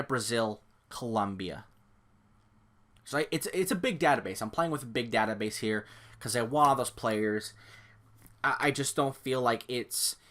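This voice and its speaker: A young man from California with a fairly low, bright, forceful voice records gameplay commentary to camera as a YouTuber. Speaking into a desk microphone at home, he rambles casually, using lots of fillers and self-deprecating asides.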